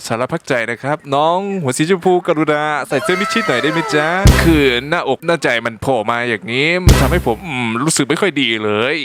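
A man's voice: on the high side, fast talker, few pauses. A man doing a teasing, sing-song Batman. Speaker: VRChat streamer playing Batman. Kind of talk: joking in-character game chat. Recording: loud music behind the voice.

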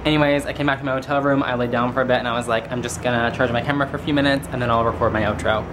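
A man's voice: mid-range voice, fairly even intonation, rapid-fire, noisy background. A young man chatting casually and informally to his vlog camera at arm's length in a hotel room. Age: young adult. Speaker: vlogger. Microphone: handheld camera at arm's length.

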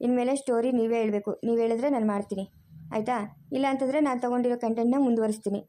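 A woman's voice: fairly high pitch, steady tone, racing, warm tone. A woman who makes a cartoon channel, speaking straight to her viewers and earnestly pleading with them. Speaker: channel creator. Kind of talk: direct address to viewers.

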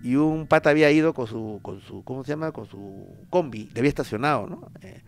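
Animated Peruvian man telling spooky tales. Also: mid-range voice, brisk, gravelly. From Peru. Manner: animated, colloquial, full of fillers and slang. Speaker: host of a paranormal show. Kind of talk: casual paranormal storytelling.

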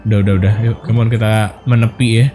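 A man's voice: fairly low pitch, quick pace. A young man, commentating casually on his own gameplay, joking and squealing as he plays. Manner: playful, excitable, jokey slang and squeals. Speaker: gameplay streamer. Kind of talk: casual let's play commentary. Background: game music.

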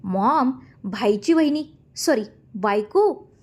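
Woman voicing a cheeky young man, bright and high. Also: expressive, takes it slowly. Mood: surprised. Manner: cheeky, jokey. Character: playful teasing young man, a grown son.

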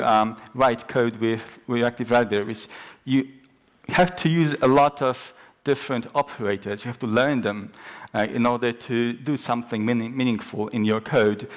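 Young guy explaining code on a big conference stage, lots of ums, restarts himself a lot. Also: medium pitch. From Poland. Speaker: conference speaker. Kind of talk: technical conference talk. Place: large dark conference stage.

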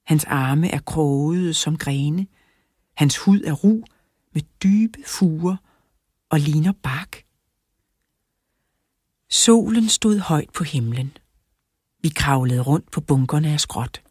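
Woman, children's audiobook narration, even storytelling, husky tone, close mic. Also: low voice, long pauses, no room sound. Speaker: audiobook reader.

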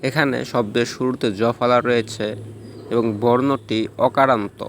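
A man's voice: mid-range voice, fairly even intonation, normal speed, a bit bright, a little hiss or hum. A young man teaching an exam-prep pronunciation lesson, explaining rule by rule and answering his own questions.

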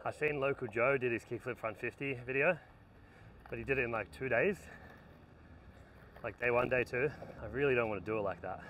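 A man in his thirties, tired after repeated skateboard attempts, talks himself through them at a sunny outdoor spot while a far-off camera mic records with a little hiss or hum. His mid-range voice is fairly bright and fairly quick, with long pauses.

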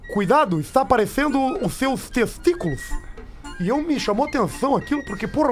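High-voiced man telling comic stories. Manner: repeats phrases for dramatic build-up. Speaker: radio show comedian. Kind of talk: comic storytelling in radio banter. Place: small radio studio. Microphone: studio microphone, close, with headphones.

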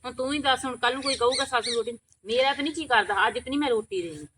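A woman with a Punjabi accent rattles off her grievances in a quick, aggrieved rant, her voice sitting a little high. Her rural short-film scene plays over clearly audible background noise. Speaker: actor in a village short film.

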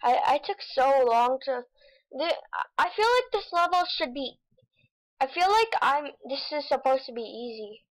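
High-voiced, excitable young gamer woman. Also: a little slow, rough recording. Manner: excitable, frustrated outbursts, silly nonsense sounds. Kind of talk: gameplay commentary. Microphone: desk mic with face cam.

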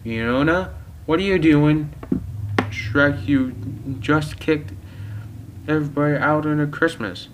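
An exasperated princess wife, voiced by a man reading aloud, her voice lifted and sharp with reproach. A storybook heroine losing patience. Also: a little high, slow, pauses often, a little hiss or hum, pitched above the performer's own voice, rough recording. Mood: scolding.

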